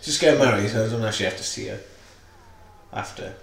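A man's voice: on the low side, fairly quick, gravelly, a bit bright, roomy sound. A man playing a nervous groom in improvised comedy banter, often bemused. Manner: laughing, bemused.

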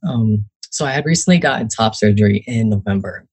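Brisk and expressive, this young adult guest author from New Jersey speaks in a lowish, darkish, slightly rough voice with no room sound. He chats casually in an interview, using plenty of fillers and acted-out quotes.

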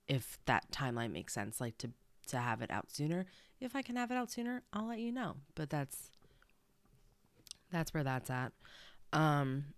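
Low-voiced stuffy woman podcaster. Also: no room sound. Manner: rambling, chatty asides. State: stuffy nose. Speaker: podcast host. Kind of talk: casual solo podcast chat.

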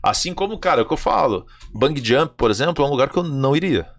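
A Brazilian man chatting casually as a host, telling animated stories full of slang and acting out what people said. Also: mid-range voice, fast talker. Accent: Brazilian Portuguese. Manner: animated storyteller, slangy, acts out dialogue. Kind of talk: casual chat.

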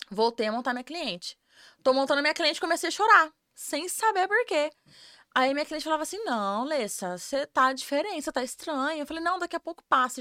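Woman, smooth, fairly high voice, dry studio sound, candid storyteller. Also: pushed and bright, no room sound. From Campo Grande, Brazil. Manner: earnest, open, repeats words for emphasis. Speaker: podcast guest, tanning professional.

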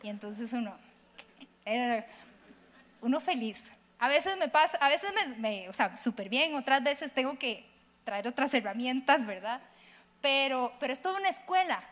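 A middle-aged woman pastor, preaching in an animated, conversational way, acting out quoted voices and addressing listeners directly. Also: high voice, normal speed. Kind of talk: conversational sermon.

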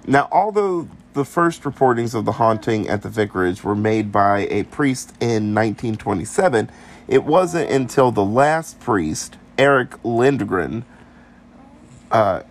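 Gravelly man telling a ghost story. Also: on the low side. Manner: playful, drops into silly voices for quoted people. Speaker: podcast co-host. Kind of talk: casual storytelling podcast.

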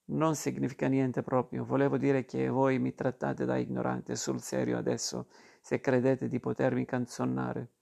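Grave superstitious woman as a male reader voices her, gravelly voice, earnest, audiobook. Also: medium pitch, monotone, moderate pace, warm tone. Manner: grave, insistent reasoning.

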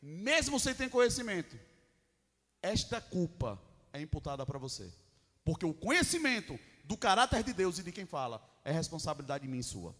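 A Brazilian man preaching a sermon as pastor, emphatic, swinging from loud calls to hushed lines. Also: fairly high pitch, very animated, normal speed. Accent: Brazilian Portuguese. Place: church hall. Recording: long hall reverb.

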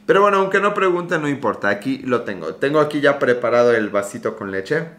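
With a quick pace, lively intonation, and a mid-range, slightly bright voice, a man hosts a casual livestream in his Mexican Spanish accent. A slight soreness shows in his throat, and the room echoes. He is chatty, joking and digressing while greeting viewers by name.

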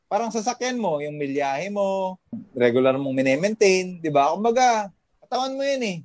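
A man's voice: high voice, sing-song, moderate pace, darkish tone, no echo, clean studio sound. A man from the Philippines, a fitness trainer working abroad, chatting casually as a podcast guest in a motivational way, full of fillers and tag questions.

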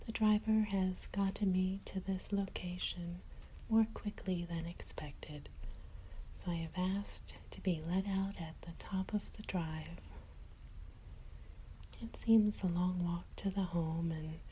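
A woman host whispering a calm, slow sleep story, close to the mic. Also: on the low side, slight background noise, rough recording.

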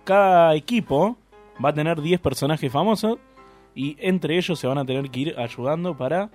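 A man's voice: on the high side, normal speed, darkish tone, soft background music. A man with a Rioplatense Spanish accent hosting a radio show, running a guessing game in casual banter and swearing when he gets stuck.

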